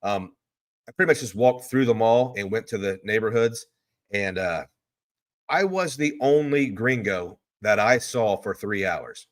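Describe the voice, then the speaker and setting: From a hotel room, a man runs a relaxed live stream, wandering through easygoing chat and answering questions from viewers. His voice is lowish, with lively intonation and a measured pace.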